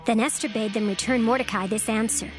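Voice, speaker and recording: A woman giving a solemn, measured scripted narration of scripture. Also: fairly high pitch, fairly even intonation. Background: music.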